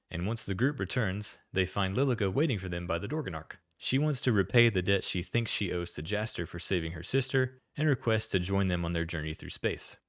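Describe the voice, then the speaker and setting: A man's voice: low voice, dry recording. A man narrating a scripted video-game retrospective, with dry, sardonic asides.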